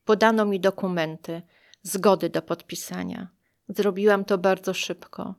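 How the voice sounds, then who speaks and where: A woman reading her own first-person story aloud in a measured, reflective way. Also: mid-range voice, fairly even intonation, gravelly.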